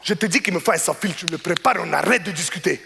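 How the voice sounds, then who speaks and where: A man voicing a pushy, proud, easily offended male customer who lectures loudly in a stand-up comedy bit on a large theater stage. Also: sits high, fast, gravelly, a crowd in the background. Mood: indignant. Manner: indignant, lecturing, rising to excited outbursts. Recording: stage mic with hall reverb, faint noise.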